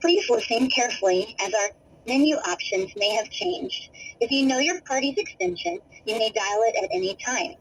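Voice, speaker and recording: A woman's voice on a recorded phone menu message, played over a truck's speakerphone and read in a measured, formal announcer style. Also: on the high side, sing-song, slight background noise, low-quality recording. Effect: recorded phone menu message played over a truck's Bluetooth speakerphone. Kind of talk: scripted automated phone greeting.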